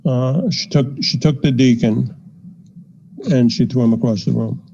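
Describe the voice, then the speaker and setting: An older man, a psychiatrist guest on a podcast, telling a story in a measured way with frequent fillers. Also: mid-range voice, steady tone, vocal fry, dark tone, a little hiss or hum. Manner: measured, anecdotal, frequent "you know" fillers. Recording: dull lo-fi podcast audio.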